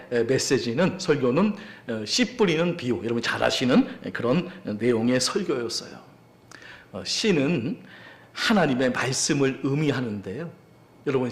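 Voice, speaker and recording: A male pastor giving a Sunday sermon, moving from a relaxed, anecdotal tone to emphatic preaching. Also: medium pitch. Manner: conversational, builds to emphatic preaching.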